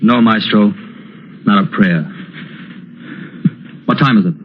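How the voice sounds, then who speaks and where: An actor playing a tough but earnest young boxer in a 1940s radio drama, weary and plainspoken. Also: male voice, on the low side, slow pace. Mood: firm, weary. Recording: dull, hissy old radio recording.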